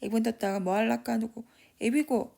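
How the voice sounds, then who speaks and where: A man's voice: very high voice, steady tone, a little fast, vocal fry, mellow. A woman voicing a drunken, boastful one-armed father who rambles and scolds in Gyeongsang dialect. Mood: drunk scolding.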